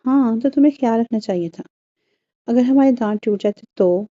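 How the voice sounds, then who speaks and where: A woman's voice: on the high side, normal speed, warm tone, muffled recording, close to an everyday voice. A woman voicing a good-humoured young husband who teases his wife with dry humour. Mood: laughing teasing.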